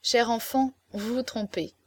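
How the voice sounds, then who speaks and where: A woman's voice: on the high side, measured pace. Woman reading a grave, sorrowful guardian man. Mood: subdued. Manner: subdued, hesitant, murmuring.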